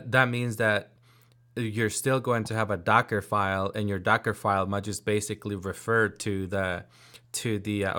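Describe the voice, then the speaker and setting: Man, lower voice, casual tech-chat host, hesitant and curious. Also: a bit bright. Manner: halting, many fillers and restarts, inquisitive.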